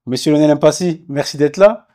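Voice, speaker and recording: A man from France, a former footballer, hosts a casual sports podcast and chats in an interview, hesitant with many fillers and restarts. His voice is fairly high and mellow, at a normal speed.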